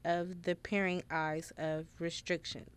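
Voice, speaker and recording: A woman's voice: fairly low pitch, little pitch movement, a little slow, clear, resonant tone. A woman reading scripted news as an anchor, in a formal broadcast delivery that stumbles now and then. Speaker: student news anchor in a mock newscast.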